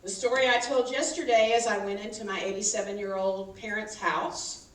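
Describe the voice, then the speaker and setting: A woman's voice: mid-range voice, moderate pace. Woman minister preaching in an echoey hall. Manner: animated, leads call-and-response with the congregation. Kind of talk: sermon. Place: church sanctuary. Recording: echoey hall, mic from far off, faint noise.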